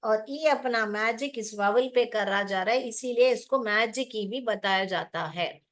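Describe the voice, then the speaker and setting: Slightly high-voiced woman teacher, unhurried, online phonics class, calls everyone kids, keeps asking questions. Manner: patient, asks many rhetorical questions; addresses learners fondly as children.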